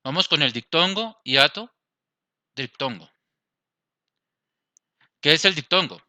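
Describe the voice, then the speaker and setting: A man's voice: fairly high pitch, expressive, slow, pushed and bright, no echo. A man with a Colombian accent teaching a Spanish grammar lesson, explaining step by step and checking in with his class. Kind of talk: grammar lesson over slides.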